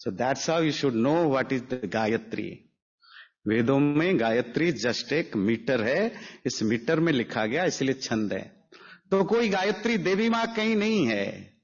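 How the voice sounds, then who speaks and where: A man's voice: medium pitch, lively intonation, takes it slowly, husky. Emphatic man giving a spiritual lecture. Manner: mixes Hindi with English phrases; emphatic, explanatory. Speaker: religious teacher. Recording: dull lo-fi audio.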